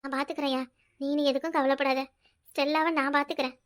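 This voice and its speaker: A woman's voice: sits high, flat delivery, fast, lightly acted. A woman voicing a doting old cartoon mother. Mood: reassuring. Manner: soft, doting, tearful at times. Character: elderly mother, tender and protective. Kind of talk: cartoon voice acting.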